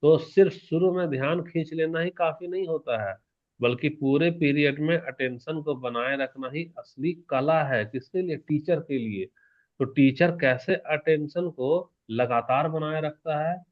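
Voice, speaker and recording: A male teacher giving an exam-prep lecture in a lively manner, asking questions and answering them himself while shifting between soft and loud. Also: fairly high pitch, a little slow, dull audio. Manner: animated, varies loudness and pace, asks questions and answers them himself.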